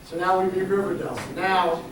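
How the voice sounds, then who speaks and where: A middle-aged man speaks as a coach at a banquet, his voice heartfelt and a little high. He tells stories with casual asides from well back from the mic. His words carry through a very echoey hall over a loud, laughing crowd. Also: brisk, far from the mic, very noisy. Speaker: high school football coach. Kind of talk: banquet speech. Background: audience laughing and cheering.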